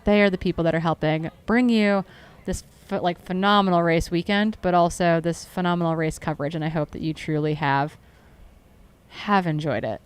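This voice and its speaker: A woman's voice: on the low side, fairly even intonation, moderate pace, clean tone. A woman commentating a live trail race, chatty and upbeat, often correcting herself.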